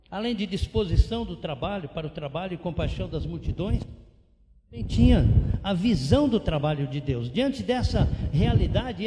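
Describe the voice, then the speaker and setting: A man preaching a missionary sermon with animated, repetitive emphasis. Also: high-pitched, a little hiss or hum. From São Paulo state, Brazil. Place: church sanctuary. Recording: long church reverb.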